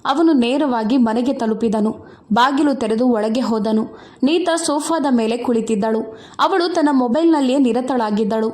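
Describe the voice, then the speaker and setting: A woman narrating an emotional moral story in an earnest, steady way. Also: on the high side, normal speed, reverberant.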